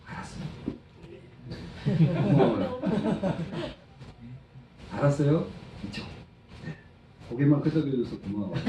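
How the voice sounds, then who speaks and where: Animated male preacher in echoey church. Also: medium pitch. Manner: animated, acts out quotes and quizzes the congregation. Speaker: preacher and praise-song lyricist. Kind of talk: sermon to children and adults. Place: church sanctuary. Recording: echoey church hall, distant mic, faint noise.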